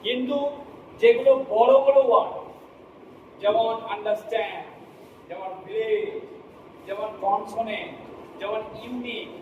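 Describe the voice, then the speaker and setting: High-voiced man teaching in an echoey hall. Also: darkish tone, highs cut off. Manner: asks the class checking questions, spells words letter by letter. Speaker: English teacher. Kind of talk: classroom lesson. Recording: echoey room from far off, noisy.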